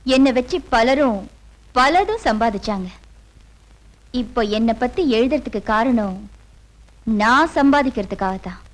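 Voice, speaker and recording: A woman's voice: a little high, expressive, a little slow, long pauses, low-quality recording. An actress playing a defiant woman who accuses a powerful man and vows to write about her past, in dubbed film dialogue. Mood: bitter. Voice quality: defiant, sharp. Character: defiant woman writing her memoir, bitter.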